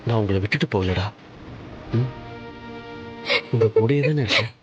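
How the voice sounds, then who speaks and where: A man playing an elder brother in a TV serial, gently comforting and reassuring his sister. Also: fairly low pitch, moderate pace, highs cut off, soft background music. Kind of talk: TV serial acting.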